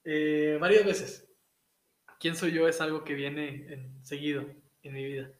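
A man with a northern Mexican accent speaks in a somewhat high register. He chats as an interview guest in slangy, joking, colloquial phrases. The room adds a clear echo to his voice. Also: fairly even intonation, unhurried. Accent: northern Mexican (Nuevo León). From Nuevo León, northern Mexico. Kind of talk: casual interview chat. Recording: echoey room sound.

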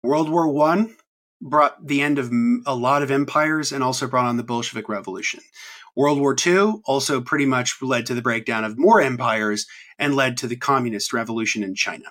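This is a man in his thirties hosting a podcast, chatting casually and rambling with lots of ums and restarts. His voice is mid-range and a little bright, at a normal speed.

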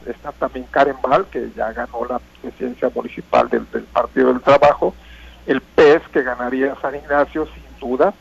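A man with a gravelly, husky voice and giving emphatic live election commentary, repeating phrases as an analyst. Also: mid-range voice. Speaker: political analyst on radio. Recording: dull, lo-fi radio sound.

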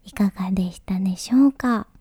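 A woman hosting a late-night podcast in a soft, breathy, whispery voice, speaking to listeners in extremely polite, formal phrasing. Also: medium pitch, brisk, dry recording, clean studio sound. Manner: ultra-polite, formal honorific Japanese phrasing. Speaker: podcast host.

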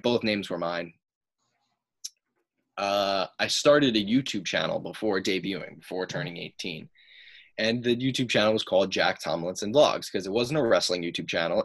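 Low-voiced young man telling stories. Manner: animated, acts out quoted people in raised voices. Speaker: pro wrestler guest. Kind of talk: casual storytelling.

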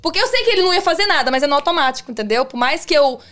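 Her voice is high-pitched, expressive and a little bright as this policewoman shares stories on a casual podcast. Rapid and chatty, she repeatedly checks in with "you understand?"

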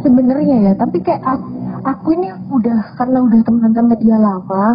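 A woman's voice: on the high side, animated, fast. A young woman with an East Javanese accent, chatting casually and telling a story full of quoted dialogue. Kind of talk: casual chat. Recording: dull lo-fi sound, faint noise.

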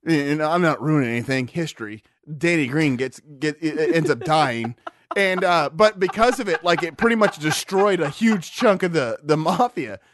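A man's voice: on the high side, animated, moderate pace, fairly bright tone, no room sound. A man co-hosting a podcast, rambling and swearing in casual chat, a bit drunk, with lots of restarts. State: tipsy. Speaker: podcast co-host.

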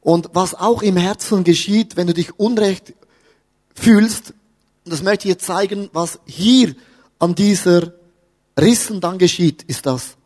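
A man's voice: high-pitched, a little slow, a little mellow, in a large hall. Man preaching with humor. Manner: humorous, talks to the audience with questions. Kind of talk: lively sermon with stories. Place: church hall with audience.

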